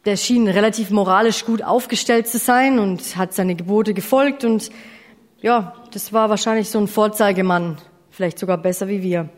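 A woman delivering a sermon, earnest and direct, asking her listeners questions and now and then correcting herself. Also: mid-range voice. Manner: self-correcting, apologizes for slips. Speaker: preacher. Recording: long hall reverb.

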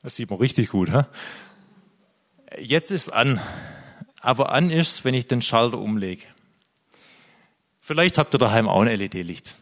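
A man's voice: mid-range voice, lively intonation, unhurried, long pauses, big-room sound. A man preaching a sermon, speaking earnestly and directly to the congregation.

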